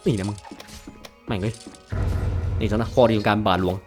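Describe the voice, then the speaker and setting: A young man giving casual gameplay commentary, bursting into loud, swearing, excited yells. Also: fairly low pitch, moderate pace, soft background music. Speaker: gaming video host.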